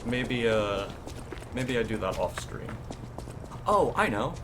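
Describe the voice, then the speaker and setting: A man's voice: medium pitch, sing-song, slow, noisy background. A man doing casual live commentary as he streams a video game, with wry, joking reactions.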